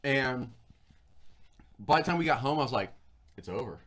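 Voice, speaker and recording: A man's voice: mid-range voice, normal speed, a bit bright. A man hosting a casual livestream chat, rambling and talking while he eats. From Florida. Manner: rambling, chatty, talks while eating. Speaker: show host.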